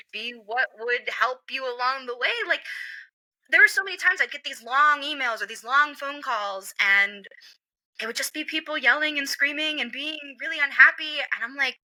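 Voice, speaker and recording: A woman with a high-sitting voice appears as a guest from the comics industry in a casual interview. She's an animated storyteller, sharing work stories, acting out quoted voices and filling her speech with "like" and "um." The audio is poor, though without echo.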